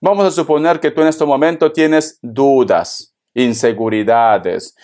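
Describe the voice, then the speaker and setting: A man's voice: mid-range voice, unhurried, darkish tone. A man giving a casual tarot reading, speaking affectionately and calling the listener by endearments. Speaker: tarot reader.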